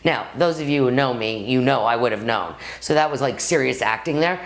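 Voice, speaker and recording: A woman's voice: rumbling low, a little fast. A middle-aged woman acting coach teaching straight to the camera, talking to her viewers as "guys" and acting out stories from her own life. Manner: lively, addresses viewers as "guys", acts out anecdotes. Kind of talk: direct-to-camera acting lesson.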